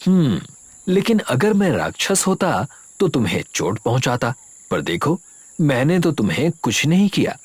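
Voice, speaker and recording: A gentle, patient doctor. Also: male voice, medium pitch, big pitch swings, moderate pace, breathy edge, dry recording. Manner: gentle, reasoning, reassuring. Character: kind, patient village doctor. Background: background music.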